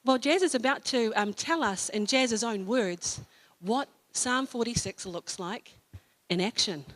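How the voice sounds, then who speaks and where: In a church hall, a chatty New Zealand woman gives an informal sermon, telling stories with fillers and self-corrections. Her voice is a little high and unhurried.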